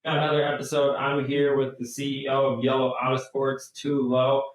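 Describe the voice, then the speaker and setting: A man's voice: mid-range voice, monotone, moderate pace, very echoey, poor audio. A man hosting a podcast, talking in a laid-back, slangy way. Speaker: podcast host. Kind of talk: casual interview chat.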